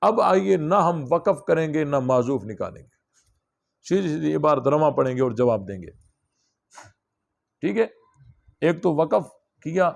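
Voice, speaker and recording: A man's voice: a little high, creaky. A man teaching a religious class, explaining a text step by step and asking his students questions. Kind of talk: classroom lesson on scripture.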